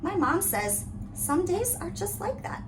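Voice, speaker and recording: A woman reading a picture book aloud in an animated way, with dramatic emphasis on key phrases. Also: extremely high pitch, unhurried, over a noisy crowd. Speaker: read-aloud reader. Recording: noisy, distant microphone.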